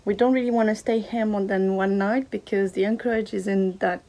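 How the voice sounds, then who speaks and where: A woman's voice: mid-range voice, fairly even intonation, moderate pace, poor audio. A woman in her thirties, a sailing vlogger, talking casually to a camera held at arm's length aboard a catamaran. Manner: chatty, matter-of-fact. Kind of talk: casual vlog talk to camera. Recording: with loud background music.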